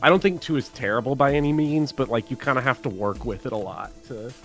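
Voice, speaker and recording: A man's voice: mid-range voice, fast, a bit bright. A man chatting casually as a guest co-player on a game stream, rambling with frequent restarts. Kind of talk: casual let's-play chat. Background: game music.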